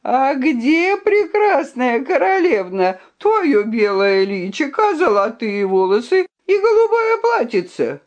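A woman's voice: huge pitch swings, slow, few pauses, a little mellow, highs cut off, heavily acted. A woman voicing a big, boisterous male knight who mocks and jeers. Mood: mocking. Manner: mocking, booming laughter.

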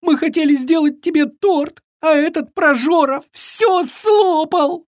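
A storyteller voicing Trisha, a little male fawn who cries easily, speaking in a high, wailing voice. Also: a little slow, no room sound, clean studio sound. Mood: tearful.

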